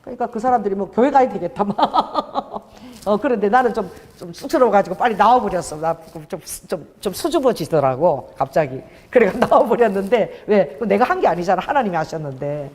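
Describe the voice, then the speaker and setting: Animated woman pastor preaching in a hall. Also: mid-range voice, fairly quick. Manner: animated storytelling with quoted voices. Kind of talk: sermon.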